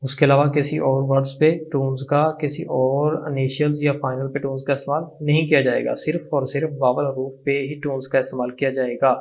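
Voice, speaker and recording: A man's voice: medium pitch, level tone. A man with a Pakistani Urdu accent teaching an online language lesson, patient and repeating each word for practice. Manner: slow, patient, repeats words for drill.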